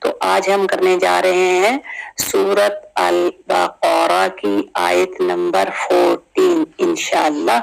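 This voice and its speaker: Lady teaching quran recitation, really gravelly voice, slow drawn-out reciting. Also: on the low side, little pitch movement, poor audio. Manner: explains briskly, then recites verses slowly and drawn out. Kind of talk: tajweed lesson.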